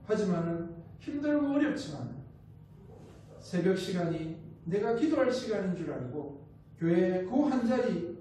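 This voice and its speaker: High-voiced Gyeongsang preacher in an echoey hall. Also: male voice, sing-song, measured pace, warm tone, a little hiss or hum. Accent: Gyeongsang Korean. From Gyeongsang region, South Korea. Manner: storytelling with rhetorical questions and acted-out quotes. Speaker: missionary preacher. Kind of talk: sermon. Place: church sanctuary. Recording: echoey church hall, mic at a distance.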